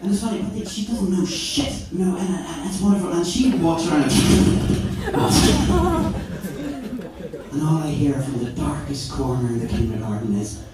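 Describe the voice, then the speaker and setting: An Irishman does stand-up at a live show, laughing at his own jokes while loud music plays. His voice is slightly high and somewhat fast with few pauses. The far-off camera captures distant, echoey, noisy audio.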